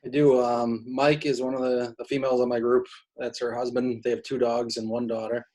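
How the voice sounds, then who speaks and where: A man who is a fire company officer, answering questions in an online group call with hesitant pauses. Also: mid-range voice, little pitch movement, darkish tone, rough recording. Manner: hesitant, many "um" fillers.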